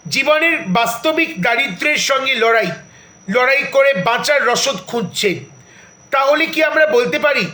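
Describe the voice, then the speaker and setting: Male essayist-narrator, high bright voice, measured bookish delivery, roomy echo. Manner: measured, bookish storytelling with asides to the listener. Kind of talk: reflective literary narration.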